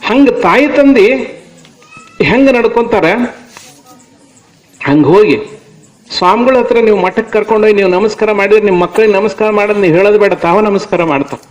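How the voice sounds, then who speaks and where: A man's voice: high voice, fairly quick, long pauses, poor audio. A man with a North Karnataka accent preaches a devotional sermon to a village audience. He speaks emphatically and keeps putting rhetorical questions to the crowd. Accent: North Karnataka Kannada. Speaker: religious discourse speaker.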